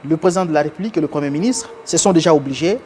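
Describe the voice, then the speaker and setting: High-voiced man speaking formally. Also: darkish tone, slight background noise. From Congo (DRC). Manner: formal, measured, lawyerly phrasing. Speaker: guest. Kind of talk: televised interview.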